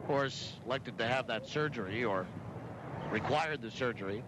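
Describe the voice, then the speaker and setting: A man doing live baseball play-by-play as a radio announcer, measured, moving between background notes and pitch calls. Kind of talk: live sports commentary. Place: outdoor ballpark broadcast booth. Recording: clear outdoor ambient noise.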